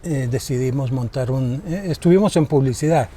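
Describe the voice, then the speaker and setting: A man's voice: mid-range voice, moderate pace, dark tone. An older man from El Salvador, a guest in an interview, answering thoughtfully with many fillers. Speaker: guest, photographer and filmmaker.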